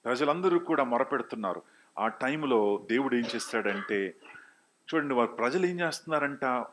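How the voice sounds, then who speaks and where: A man preaching a sermon, often asking the congregation questions and mixing in English phrases. He swings from loud, high exclamations to low, quiet asides. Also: lively intonation, moderate pace, slight background noise. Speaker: pastor.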